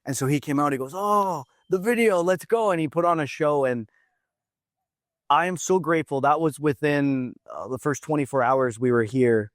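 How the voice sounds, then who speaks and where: A man's voice: mid-range voice, normal speed, dry recording, clean studio sound. A man from Canada, a podcast guest, telling stories with emotion and acting out what people said. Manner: animated, emotional storytelling, acts out quotes. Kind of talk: casual podcast conversation.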